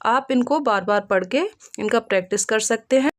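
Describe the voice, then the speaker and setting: A woman's voice: fairly high pitch, moderate pace. A woman teaching an English pronunciation lesson. She spells words out letter by letter and asks her learners rhetorical questions.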